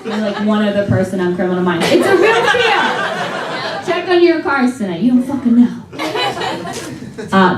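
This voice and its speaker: A young woman from a small American town doing stand-up comedy on a theater stage, wry and exasperated, often laughing through her lines. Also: a little high. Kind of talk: stand-up set. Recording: roomy live venue audio with crowd laughter, taped from a distance. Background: audience laughter.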